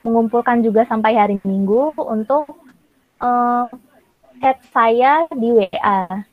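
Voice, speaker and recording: A woman's voice: on the high side, slow. A woman teaching an online class, her voice breaking up over the call, speaking patiently with fillers and restarts. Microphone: computer mic on a video call. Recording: dull lo-fi online call audio.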